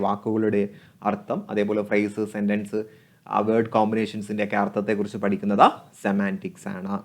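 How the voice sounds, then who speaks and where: A man, teaching as an exam coach. He reads English questions slowly and deliberately, then explains them in Malayalam, repeating each key answer for emphasis. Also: mid-range voice. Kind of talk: exam question walkthrough lesson.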